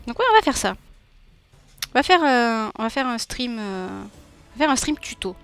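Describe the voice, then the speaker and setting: A woman's voice: a little high, animated, normal speed, clear, resonant tone, soft background music. Chatty woman with a southern French accent. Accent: southern French, from Nîmes. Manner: chatty, warm, laughs often, reads chat aloud. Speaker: streamer and illustrator. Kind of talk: casual live-stream chat while drawing.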